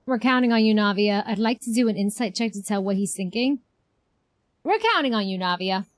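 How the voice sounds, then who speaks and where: Fairly quick and animated, a woman with a mid-range voice chats with viewers while streaming a game. Her reactions are casual, expressive and full of slang, with no echo in the audio.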